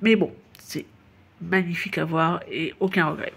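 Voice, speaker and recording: Her pitch is fairly low and her tone steady, a bit bright and slightly rough, with vocal fry at a normal speed. She's a Parisian woman giving a chatty, informal guided city tour to the listener and laughing at her own slips.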